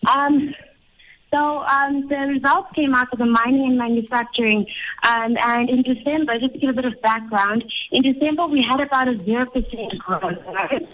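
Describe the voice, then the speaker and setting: A woman's voice: sits high, normal speed, fairly bright tone, low-quality recording. A woman from South Africa, a financial expert on a phone-in interview, a little out of breath and chatty with many fillers.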